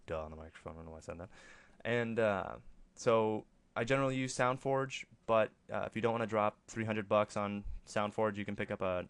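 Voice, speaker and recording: Low-voiced man giving a casual tutorial. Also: clear, resonant tone, dry recording. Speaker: tutorial presenter. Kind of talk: casual screen-recorded software tutorial. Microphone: close microphone, voice-over for screen capture.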